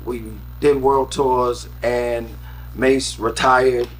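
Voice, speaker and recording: A man's voice: mid-range voice, flat delivery, drawn-out words, slight background noise. A middle-aged man, a radio DJ from Harlem, telling stories in a casual interview with lots of ums and restarts. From Harlem, New York City. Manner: rambling storyteller, frequent ums and restarts. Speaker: radio DJ and guest.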